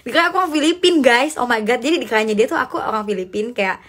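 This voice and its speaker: A young adult woman from Indonesia hosts a casual livestream on her phone, chatting and reading out comments. She talks in a lively, slangy way, slipping in bits of English. Her voice is a little high and very fast.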